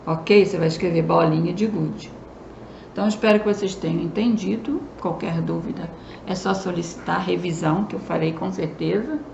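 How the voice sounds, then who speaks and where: A woman teacher with a Brazilian Southeast accent gives a remote lesson to children, explaining slowly and often checking in with a quick question. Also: on the low side, vocal fry, reverberant, dull audio, noisy background.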